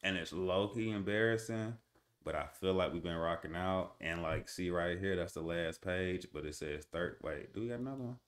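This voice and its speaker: A man's voice: sits low, normal speed. Slangy young man chatting on stream. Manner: laid-back slangy banter with chat, rising to excited hype. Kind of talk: casual live-stream chat. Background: instrumental music playing.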